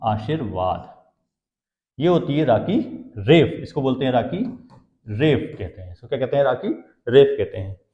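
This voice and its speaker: A man's voice: medium pitch, lively intonation, moderate pace, dark tone. Man teaching Hindi grammar, echoey room. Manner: asks the class questions and answers them himself, repeats key terms. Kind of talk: exam-prep lecture. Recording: dull, echoey classroom sound.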